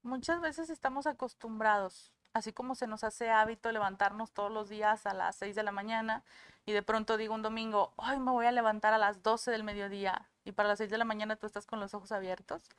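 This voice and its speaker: A woman's voice: medium pitch, steady tone, brisk, fairly bright tone, clean tone, no echo. A woman, a guest on a talk show, explaining feelings and acting out the voices she quotes. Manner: acts out quoted voices vividly.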